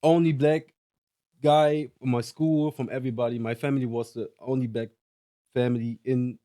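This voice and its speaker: A man's voice: medium pitch, level tone, normal speed, dark tone, no echo, studio quality. A man from Germany, a guest, talking in short, hesitant phrases in a casual conversation.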